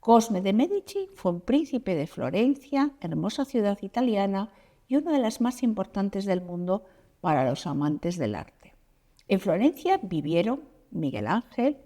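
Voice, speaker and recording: A teasing little mouse, played by a woman, tells its family storybook tale. Its pitch rises and falls with lively swings, and the tone stays warm and mellow. It keeps turning to the listeners with playful questions. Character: chatty mouse storyteller, descendant of a prince's pet mouse. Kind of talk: storybook narration.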